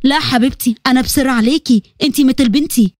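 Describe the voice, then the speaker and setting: A woman's voice: sits high, fast, no echo, clean studio sound, voice pushed down, close to an everyday voice. A woman voicing a sweet, friendly middle-aged woman with a Levantine Arabic accent, talking in a coaxing, motherly way.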